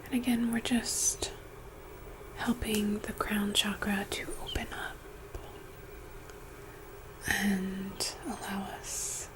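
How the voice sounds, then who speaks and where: A woman in a whispered role-play, speaking gently and intimately right in the listener's ear, guiding in an unhurried, soothing ASMR style. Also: mid-range voice, steady tone, poor audio. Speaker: ASMR host playing a friend giving reiki.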